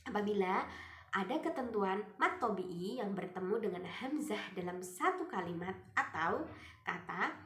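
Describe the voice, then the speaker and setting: A woman, a student, explaining recitation rules step by step and drawing out the example words slowly. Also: medium pitch, lively intonation, fairly bright tone. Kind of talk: recited tajwid lesson with Quran examples. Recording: echoey room, faint music behind.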